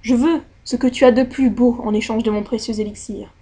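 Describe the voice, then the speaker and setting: A scornful old sea witch from a storybook, as a woman reading aloud puts her on. She talks bluntly and with open mockery, making cold threats in a fairly high voice. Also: steady tone, brisk, dark tone, slightly rough. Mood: menacing.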